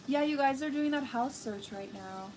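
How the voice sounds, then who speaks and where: There's background noise as a young Iranian livestreamer whose first language is Farsi chats with viewers in a high-pitched voice at a moderate pace. She uses a lot of fillers, broadcasting from an indoor living room with a red sofa.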